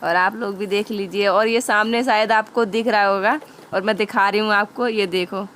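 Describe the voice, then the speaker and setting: A woman's voice: medium pitch, fairly even intonation, normal speed, fairly bright tone, slight background noise. A young adult woman chatting homely and directly to viewers as she narrates a casual home vlog. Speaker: vlogger.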